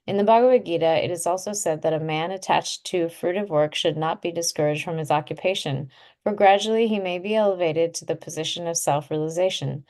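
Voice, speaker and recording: A woman reading a scripture commentary aloud in a steady, measured way on a video call. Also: on the low side. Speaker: reader in a study group.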